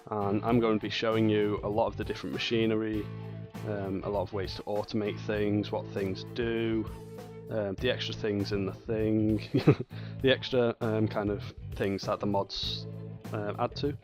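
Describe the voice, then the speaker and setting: A man's voice: on the low side, level tone, moderate pace, music in the background. Rambling male gaming tutorial host. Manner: rambling, hesitant, many fillers and restarts. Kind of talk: casual gameplay tutorial commentary.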